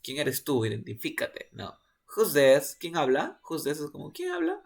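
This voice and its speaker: A man teaching an online English lesson to Spanish speakers, repeating phrases slowly and quizzing his students. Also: on the high side, wildly swooping pitch, vocal fry.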